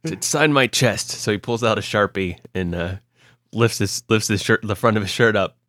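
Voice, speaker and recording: A man's voice: fairly low pitch, steady tone, brisk, a bit bright, no echo, clean studio sound. A young man from Ohio co-hosting a podcast, telling stories in a casual, rambling way with lots of fillers and restarts. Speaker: podcast co-host. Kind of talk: casual chat.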